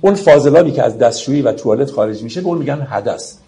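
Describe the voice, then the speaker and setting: Guy lecturing on old poetry, slow and patient, recites verses, keeps saying friends. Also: medium pitch, animated, creaky, mellow. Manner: explains slowly, recites verse, addresses friends. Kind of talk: reflective literary lecture.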